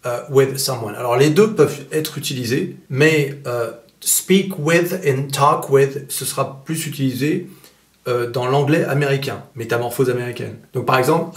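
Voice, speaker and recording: A man teaching a relaxed online English lesson, pausing often with fillers as he mixes in example sentences. His voice sits at a middle pitch. The recording carries a noticeable room echo.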